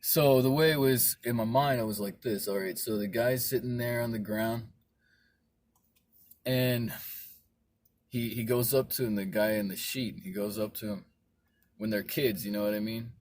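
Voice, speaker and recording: A man's voice: fairly low pitch, fairly even intonation, moderate pace, pauses often, dry recording. A man casually and loosely retelling a story idea he is working on, filling his talk with "you know what I mean". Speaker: writer pitching a story idea. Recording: loud vehicle noise behind the voice.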